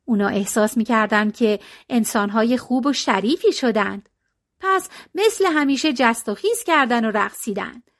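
A woman narrating a folk tale for an audiobook. Her voice is high and very animated, gliding up and down as she reads with melodic expression. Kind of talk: storybook narration.

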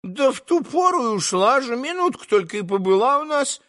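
A man doing a shrill scolding old servant woman. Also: very animated, brisk, a bit bright, heavily acted. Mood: chatty. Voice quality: shrill, cracked falsetto.

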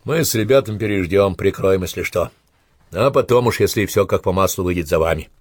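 A man reading a blunt, brisk army sergeant. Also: low voice, no room sound. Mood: steady. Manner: brisk, matter-of-fact reports. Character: experienced army sergeant, blunt scout leader.

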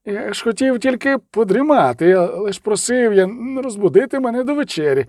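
Male reader as a cranky old monk, rattling high voice, indignant grumbling. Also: animated, fairly quick, a little mellow, no echo, clean studio sound.

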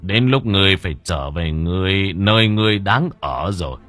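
A man voicing a calm, commanding old male exorcist master who speaks in stern, measured words. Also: low voice, faint music behind.

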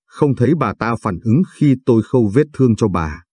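A man narrating a story aloud in a steady, even way. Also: mid-range voice, fairly quick, husky, no echo, studio quality. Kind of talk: audiobook story reading.

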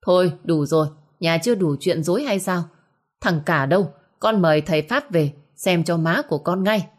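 A woman's voice: fairly low pitch, normal speed, close to an everyday voice. A woman voicing a stern, commanding older village patriarch who speaks curtly.

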